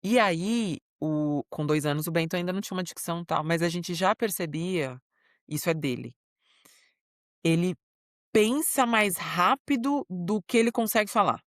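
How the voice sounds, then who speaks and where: Her voice sits on the low side and moves at a moderate pace, recorded at studio quality with no room sound. A Brazilian woman with a Brazilian Portuguese accent, she co-hosts a podcast and, in a casual chat with friends, tells warm, proud, easygoing stories full of fillers.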